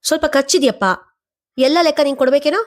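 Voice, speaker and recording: A woman's voice: high voice, fairly even intonation, fast, darkish tone, pitched above the performer's own voice, close to an everyday voice. A woman voicing a manipulative middle-aged mother who guilt-trips her son for money. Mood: wheedling. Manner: wheedling, guilt-tripping.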